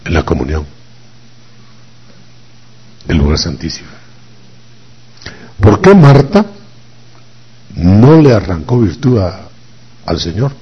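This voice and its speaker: A man preaching a sermon with a low, very husky voice that rises and falls widely in pitch. He is dramatic, acting out voices and dropping from loud lines to whispers. The recording is dull and lo-fi. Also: sing-song, slow, long pauses.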